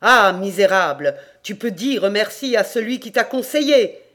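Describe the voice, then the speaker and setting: A man voicing a wrathful, domineering male devil chief in an audiobook folk tale, with loud commanding outbursts. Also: high voice, animated, a little slow, full character voice. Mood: furious.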